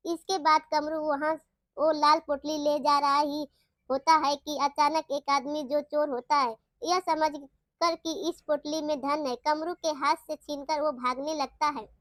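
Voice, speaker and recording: A woman narrating a moral folk story in a plain, steady reading. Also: high voice, a little slow, no room sound, clean studio sound.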